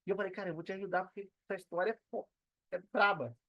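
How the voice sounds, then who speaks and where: A fast-talking Brazilian digital entrepreneur with a high, steady voice is a guest in a casual podcast interview, recorded dry with the highs cut off. He speaks slangily and earnestly, hammering points home by repeating phrases.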